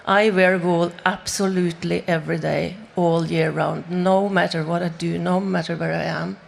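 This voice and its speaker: A woman's voice: fairly low pitch, fairly even intonation, normal speed, vocal fry, slight background noise. A woman from Norway, a native Norwegian speaker, talking on a panel with many fillers and restarts. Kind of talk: panel discussion.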